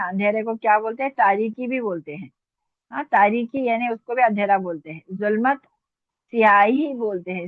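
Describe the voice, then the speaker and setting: Over an online class call, a woman teaches Urdu vocabulary, patiently repeating words and asking her students questions. Her voice is mid-range, and the audio is tinny like a phone line, dry with no room sound.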